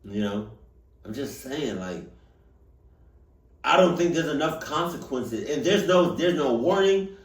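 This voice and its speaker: Animated man ranting in casual street slang, roomy. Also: on the high side, measured pace, long pauses. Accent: American. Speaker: reaction video host. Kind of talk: casual reaction commentary. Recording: roomy echo, distant microphone.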